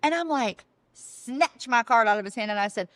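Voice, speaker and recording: A woman with a fairly high voice tells her story in a casual podcast conversation. She jumps into quoted lines with animated energy. The recording is dry and close. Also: normal speed, dry recording. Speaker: guest sharing testimony.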